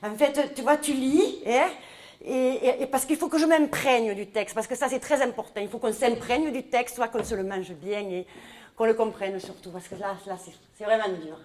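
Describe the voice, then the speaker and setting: A woman's voice: a little high, moderate pace, darkish tone, natural voice. A woman playing a talkative middle-aged mother from the south of France with a southern French accent, rambling and indignant in a live comedy sketch. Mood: confiding. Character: chatty southern French mother, newcomer, scheming. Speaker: comic stage character. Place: large echoey hall. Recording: roomy live hall sound.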